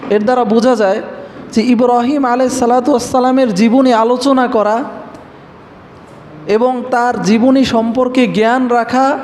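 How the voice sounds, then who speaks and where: A man's voice: very high-pitched, a little mellow. A man preaching an Islamic lecture, reciting Arabic verses and then explaining each one. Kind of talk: religious lecture. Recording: faint noise, long hall reverb.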